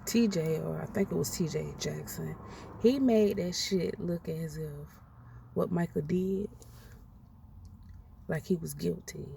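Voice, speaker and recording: A woman's voice: lowish voice, measured pace, creaky, pauses often, warm tone. A woman, ranting her opinions in a blunt, outspoken, profane way. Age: 40s. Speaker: commentator ranting on a podcast. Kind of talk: casual opinion rant. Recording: noisy, distant from the mic.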